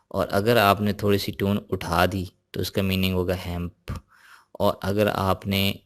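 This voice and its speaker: A man teaching an online language lesson, patiently explaining and drilling sounds one at a time. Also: deep voice.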